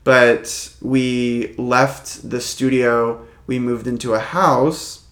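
A man's voice: medium pitch, steady tone, drawn-out words, fairly bright tone, echoey room. A young man co-hosting a podcast, chatting casually and rambling with lots of fillers and restarts. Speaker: podcast co-host. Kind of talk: casual chat.

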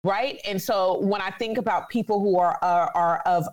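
A woman's voice: medium pitch, normal speed. A woman in her forties from California, speaking earnestly and reflectively in a conversational interview. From Sacramento, California.

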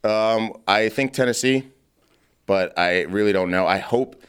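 A man with a very low, deep voice co-hosting a loose sports podcast. He talks bluntly and argues hard, tossing in profanity, with gum in his mouth. The tone stays casual between friends. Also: a little slow, fairly bright tone, clean tone. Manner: chewing gum while talking. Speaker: podcast co-host.

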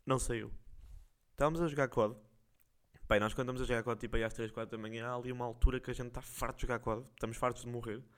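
A young man with a European Portuguese accent, hosting a podcast and telling stories casually in slangy, animated, jokey speech. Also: mid-range voice, racing, clear, resonant tone. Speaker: podcast host. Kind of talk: casual storytelling.

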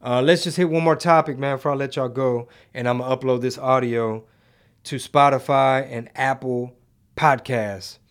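A man's voice: medium pitch, steady tone, moderate pace, smooth. Male livestream host, casual commentary, slangy and conversational delivery aimed at his audience. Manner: slangy, conversational, rhetorical questions to viewers. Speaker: host of a live commentary show and podcast.

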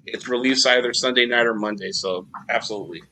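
Bright sharp-sounding guy guesting on a podcast, rambles, super enthusiastic. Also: medium pitch, quick pace, rough recording. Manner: rambling, enthusiastic, many restarts. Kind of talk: casual podcast chat.

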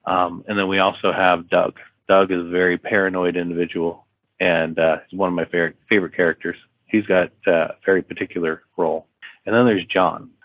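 A man with a very low voice talks casually as an interview guest, restarting sentences and filling pauses. The sound is dry and narrow, like a phone call. He tells a story at an easygoing pace. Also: flat delivery, no echo. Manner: rambling with many fillers and restarts, acting out dialogue. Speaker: author guest.

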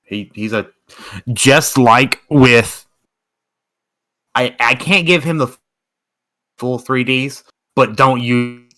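A man's voice: mid-range voice, slow, long pauses, pushed and bright. A man on a casual podcast panel, making sarcastic, joking asides.

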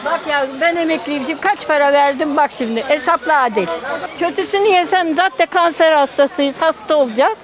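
Older female shopper, high voice, emphatic complaints, busy open-air market crowd. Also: fairly quick. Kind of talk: street interview. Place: outdoor street market. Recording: noisy outdoor market crowd.

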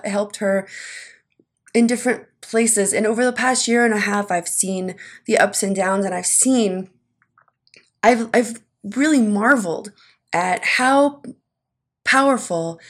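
Tinny-sounding woman podcast host on a lapel mic. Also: mid-range voice. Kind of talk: casual reflective podcast monologue. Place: hotel room.

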